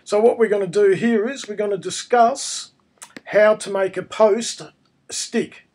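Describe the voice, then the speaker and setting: Aussie guy doing a chill screen tutorial, high voice, croaky and husky from a cold. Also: fairly even intonation, moderate pace, a little mellow. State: hoarse from a cold. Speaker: tutorial presenter. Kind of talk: casual screencast tutorial narration.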